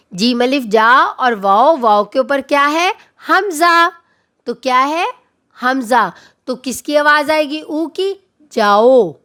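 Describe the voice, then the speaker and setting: A woman teaching a children's reading lesson, asking questions, answering them herself and drawing words out slowly. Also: sits high, fairly bright tone. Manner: slow, drawn-out call-and-response prompting.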